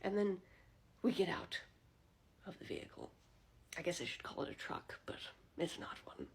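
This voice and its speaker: A woman telling a comedic story in a casual, animated way, with quick asides and drops to a hush. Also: fairly low pitch, vocal fry, breathy edge.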